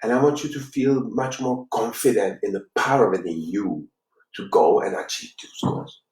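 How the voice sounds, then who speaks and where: A man's voice: on the low side, animated, moderate pace, a little mellow, recorded from a distance. A man with a Czech accent, a life coach giving an earnest, motivational workshop talk with non-native phrasing. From Czech Republic. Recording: echoey room, speaker away from mic.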